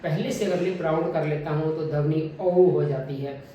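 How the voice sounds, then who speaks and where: A man teaching a phonetics lesson, deliberately modelling each vowel sound over and over. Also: a little high, steady tone, dark tone, slight background noise. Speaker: English pronunciation teacher. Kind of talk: phonetics lesson with drilled repetitions. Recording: very echoey room, mic at a distance.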